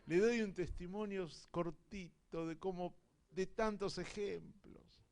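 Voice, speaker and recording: A man from Argentina with an Argentine accent preaching a sermon, telling stories and acting out dialogue, swinging from hushed to loud. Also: high-pitched, fairly even intonation, slow pace. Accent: Argentine Spanish. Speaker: visiting apostle preaching.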